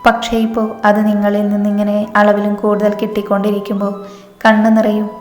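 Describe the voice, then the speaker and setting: A woman voicing a tearful young woman gently reassuring the older women around her. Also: medium pitch, completely flat delivery, a little fast, lightly acted. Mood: tender. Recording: echoey reverb with background music.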